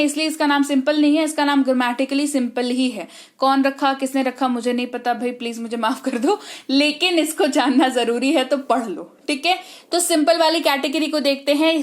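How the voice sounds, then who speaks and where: A woman with a high voice and an Indian accent teaches an online English lesson. She talks briskly, drills terms one after another and keeps checking that her students follow. Hindi is her first language. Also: fairly even intonation.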